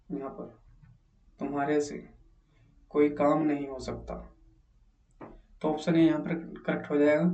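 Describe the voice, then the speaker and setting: A man's voice: fairly high pitch, dark tone, distant mic, muffled recording. A man teaching as he solves an exam paper, reading each question aloud and then asking and answering it himself. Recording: echoey room, mic set back.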